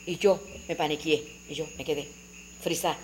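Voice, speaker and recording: An older woman, telling childhood memories in an interview. She tells them in a lively, animated way. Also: low-pitched, moderate pace, slight background noise. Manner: animated, vivid storyteller who acts out family dialogue.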